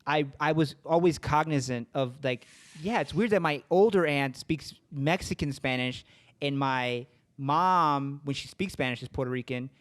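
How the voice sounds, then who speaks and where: A man hosts a podcast interview and tells stories about his family. His voice sits a touch high for a man. He rambles and hesitates, often stumbling over and repeating his words. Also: moderate pace. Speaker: podcast host.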